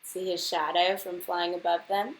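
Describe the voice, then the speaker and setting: Like a teacher with her class, a woman reads a children's storybook aloud expressively and deliberately, asking her young listeners questions directly. Her voice is lowish and her delivery flat, and the recording quality is low.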